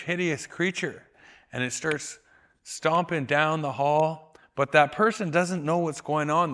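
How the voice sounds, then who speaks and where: A man telling a traditional story in a calm, measured, deliberate way. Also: on the high side. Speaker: storyteller and educator.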